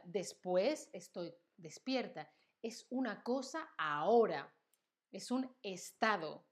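A woman from Spain with a Spanish accent, teaching a live-streamed language class with acted examples and frequent check-ins. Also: mid-range voice.

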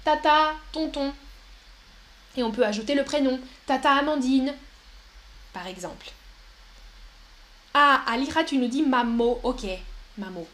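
A young woman teaching a live-stream language lesson, speaking slowly and clearly and repeating words for her viewers. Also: high voice, a bit bright. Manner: slow and clear, repeats words, puts on a babyish voice for examples. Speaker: French teacher.

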